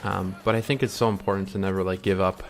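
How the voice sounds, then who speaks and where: Deep-voiced young man musing earnestly. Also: flat delivery, quick pace. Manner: rambling, many ums and restarts, earnest; chewing candy while talking. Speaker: vlogger. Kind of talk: casual reflective monologue.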